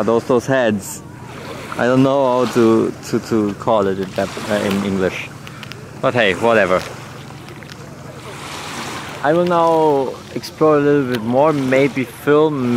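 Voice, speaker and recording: A young man filming a casual travel vlog on a seaside island, rambling and searching for words as he talks to his action camera at arm's length. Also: medium pitch. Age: young adult. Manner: rambling, searches for words, gushes over animals. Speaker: travel vlogger. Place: outdoors on a seaside shrine island. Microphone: action camera held at arm's length. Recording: outdoor wind and water noise. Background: water lapping and outdoor ambience.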